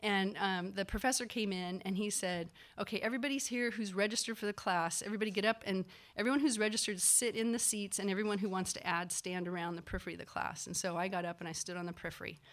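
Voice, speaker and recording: Speaking at a quick clip with few pauses, this woman, a physician assistant, shares something that happened to her. Her pitch is medium, her manner loose and lively, and she voices the people she quotes while scattering fillers throughout.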